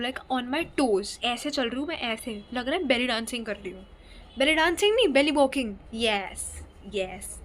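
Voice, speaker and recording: A woman's voice: high voice, a bit bright, a little hiss or hum. Chatty young woman vlogging at home. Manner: chatty, rambling, mixing English into Hindi. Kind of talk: casual vlog storytelling. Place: at home, in her bedroom.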